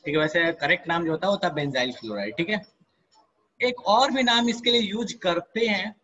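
Bright high-voiced male teacher, coaxing. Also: a little fast, highs cut off. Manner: coaxing, repeats "ठीक है" and "ध्यान दो", asks and answers own questions; addresses students by name, mixes English terms into Hindi. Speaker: chemistry teacher. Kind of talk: live online class lecture.

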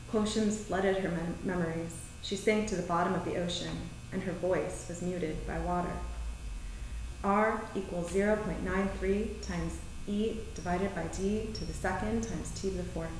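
At a live reading on an indoor theater stage, a woman poet shares her poetry and prose with brief introductions, delivering it in measured, deliberate phrases. Her voice is at a middle pitch for a woman. The distant camera microphone yields a very reverberant sound with faint noise.

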